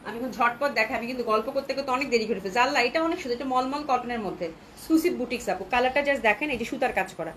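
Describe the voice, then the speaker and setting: A woman with a Bangladeshi Bengali accent hosting a live clothing sale, chatting with viewers and repeating prices, with a cold that keeps her speaking softly. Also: on the high side, quick pace, slight background noise. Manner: chatty, repeats prices, mixes in English words. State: has a cold, talking softly to avoid coughing. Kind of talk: live sales chat with viewers.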